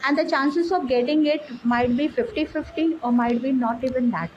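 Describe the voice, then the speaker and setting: A woman chats through a conversation practice, her voice sitting high. She fills pauses with "like, you know". Faint noise hums behind her. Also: darkish tone, lo-fi sound. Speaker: English learner.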